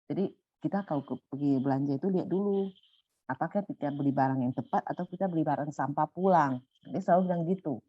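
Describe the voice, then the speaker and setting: Lady telling a story, lowish raspy voice, goes way up when she gets worked up. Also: fast talker, dry recording. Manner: animated, rising high when excited, soft and low when calm. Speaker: volunteer sharing a personal story. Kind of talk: casual storytelling in a sharing session. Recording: muffled dry sound.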